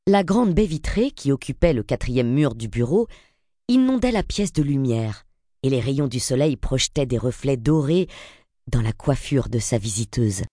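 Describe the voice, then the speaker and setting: Low-voiced woman narrating an audiobook. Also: sing-song, moderate pace, dark tone, no room sound, clean studio sound.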